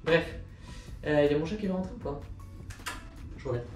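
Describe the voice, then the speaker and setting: A young man in his twenties talks through a casual sneaker vlog in a rambling, chatty way, often mocking himself in quick asides. His voice sits a little high for a man. The room around him is noticeably echoey, with soft music underneath. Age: 20s. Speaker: sneaker vlogger. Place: indoor room with a machine running. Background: machine noise and soft music.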